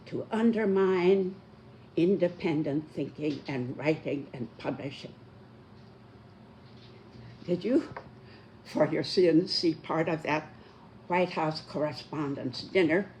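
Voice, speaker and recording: A very old person in their nineties giving a prepared talk in a deliberate, emphatic elderly manner. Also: medium pitch, darkish tone, a little hiss or hum. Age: 90s.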